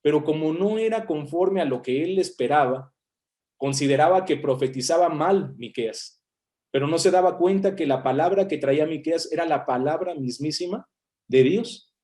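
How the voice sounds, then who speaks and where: A man's voice: on the high side, normal speed, warm tone. A man preaching a sermon as a minister, explaining a Bible passage and reading verses aloud, with a Mexican Spanish accent.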